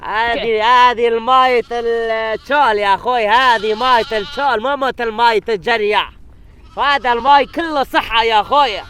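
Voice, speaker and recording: A man doing a shrill, bright-voiced desert herder. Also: normal speed, slight background noise. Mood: welcoming. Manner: earnest, repeats brotherly address. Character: hospitable rural male herder living out in the desert. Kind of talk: comic sketch acting.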